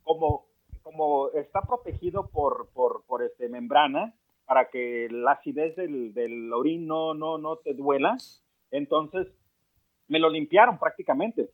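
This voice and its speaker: A man with a Mexican accent telling a crude story in casual chat, animated and profane, full of slang. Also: a little high, unhurried, narrow, tinny audio. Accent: Mexican Spanish. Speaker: podcast co-host. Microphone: phone.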